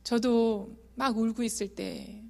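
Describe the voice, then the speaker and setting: A middle-aged woman giving an emotional testimony sermon in a church, earnest and shifting between soft and loud. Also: a little high, takes it slowly, gravelly. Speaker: guest speaker giving testimony. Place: church sanctuary.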